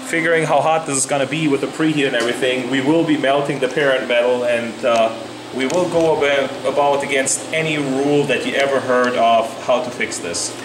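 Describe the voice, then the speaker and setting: Matter-of-fact welder in a humming shop. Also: male voice, medium pitch, fairly even intonation, fairly quick, background noise. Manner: plainspoken, matter-of-fact, mildly profane. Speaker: welder demonstrating a repair. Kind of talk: casual shop instruction. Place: indoor metal workshop with concrete walls. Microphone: camera mic on a handheld camera.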